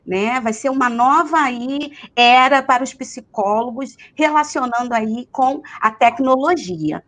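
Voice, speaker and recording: Woman hosting a live chat over a video call. Her voice is a bit high, and she hesitates a lot with tag questions. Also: a little slow, fairly bright tone. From Rio de Janeiro, Brazil. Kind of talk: casual live-stream chat.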